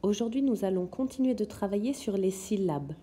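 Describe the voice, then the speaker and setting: A woman's voice: medium pitch, animated, fairly quick, mellow, breathy edge. A woman teaching young children in a recorded lesson, patiently sounding out words syllable by syllable. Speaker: kindergarten teacher.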